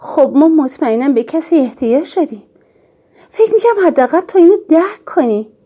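A woman voicing a tired mother who speaks quietly and gently in an audiobook. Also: sits high, lively intonation, pitched above the performer's own voice. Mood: gentle. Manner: soft, weary.

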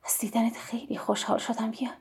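A woman voicing a gruff, proud wandering river man who asks blunt, angry questions in a storybook reading. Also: a little high, little pitch movement, a little mellow, whispered. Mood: soft.

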